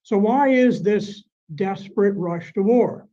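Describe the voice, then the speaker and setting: A man reading a prepared speech slowly and dramatically, his voice mellow and dark. The sound is dull and lo-fi. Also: high-pitched. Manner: measured, dramatic prepared delivery. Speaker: panel speaker.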